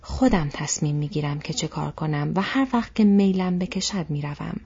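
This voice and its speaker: A shrill, insistent old male hobbit who clings to what he owns, performed by a woman reading a storybook aloud. His voice is mellow underneath and breathy, thrown up high whenever he presses his claim. The storybook recording sounds dull and lo-fi. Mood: stubborn.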